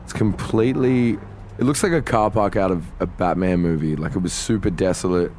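An Australian man with a fairly low voice spins a wild story for his podcast co-host. He swears freely and acts out everyone's lines as he goes. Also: fairly quick, slight background noise. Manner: animated, swears freely, acts out quoted dialogue. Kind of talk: casual storytelling chat.

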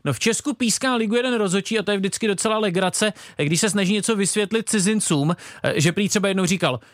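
A man's voice: high-pitched, dry recording, clean studio sound. A man hosting a casual podcast interview, asking questions, teasing his guest and laughing along. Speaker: podcast host.

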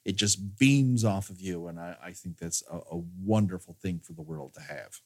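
A man hosting a podcast, discussing films casually in a halting, stammering way. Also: sits low. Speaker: podcast host.

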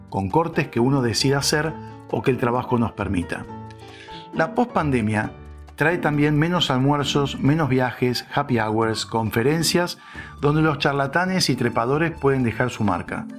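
A man's voice: medium pitch, lively intonation, normal speed, faint music behind. A man reading a scripted opinion piece with wry, sarcastic asides. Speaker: narrator.

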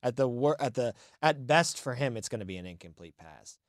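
A man co-hosting a casual sports talk show, giving animated, opinionated takes and thinking aloud. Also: mid-range voice, fairly quick, no room sound, clean studio sound. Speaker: sports podcast co-host.

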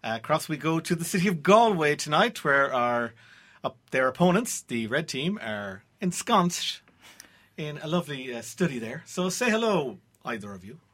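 A man's voice: fairly high pitch, sing-song, moderate pace, a bit bright. An Irish man hosting a radio trivia quiz from a studio, introducing and moving things along in presenter style. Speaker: quiz show host.

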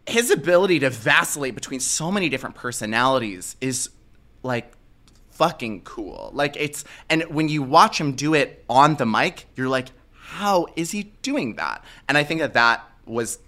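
Casting: male co-host, sassy and camp, bright forward voice, emphatic slangy delivery for casual film chat. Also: mid-range voice, animated, normal speed.

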